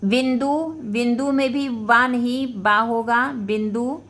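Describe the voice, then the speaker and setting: A woman teaching a spelling lesson, saying each word, then repeating it slowly as she explains the correction. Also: a little high, fairly even intonation, fairly bright tone. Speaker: Hindi teacher. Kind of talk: spelling lesson for school students.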